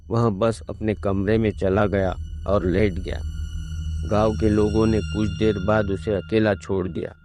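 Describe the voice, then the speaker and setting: A man narrating a scripted horror story in a measured, ominous way. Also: lowish voice. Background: faint music.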